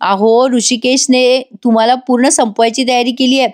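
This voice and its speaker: A sly, sharp-tongued young wife who talks fast and wheedles, read by a woman retelling a soap episode, in a fairly high voice. She never sounds sincere. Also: flat delivery, close to an everyday voice. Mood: persuasive.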